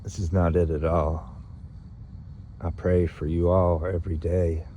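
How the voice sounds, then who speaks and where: A man with a very low, mellow voice speaks slowly and earnestly, delivering a spiritual message to followers. He pauses often and keeps clearing his throat. A faint hum sits behind him. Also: little pitch movement. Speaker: spiritual channeler.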